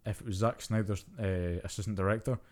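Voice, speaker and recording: Low-voiced sweary podcast co-host man. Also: quick pace. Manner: profane, ranting, animated. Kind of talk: casual chat.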